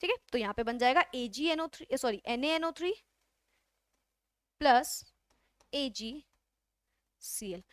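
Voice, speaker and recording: High-voiced woman teaching chemistry. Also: lively intonation, a bit bright, no echo, studio quality. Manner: explains step by step, keeps asking the class questions and answering them; reads English textbook lines slowly. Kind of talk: classroom lecture mixing Hindi and English.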